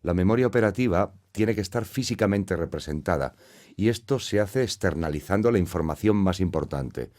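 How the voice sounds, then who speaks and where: A man giving a scripted voice-over of a lecture for parents, speaking in a measured, teacherly way and explaining each point step by step. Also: low-pitched, animated, a little mellow.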